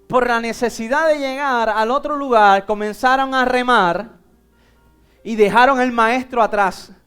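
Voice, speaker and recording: Male pastor, Puerto Rican Spanish accent, very high and clear voice, storytelling sermon. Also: measured pace, faint music behind. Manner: animated storytelling, acting out a Bible scene with volunteers.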